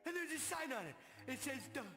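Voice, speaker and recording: High-pitched goofy, dim Viking. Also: male voice, very animated, fast, creaky, heavily acted. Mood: goofy, hungry. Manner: goofy, simple-minded. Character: dim, hungry, childlike big male Viking. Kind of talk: cartoon video game acting. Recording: game audio with loud music.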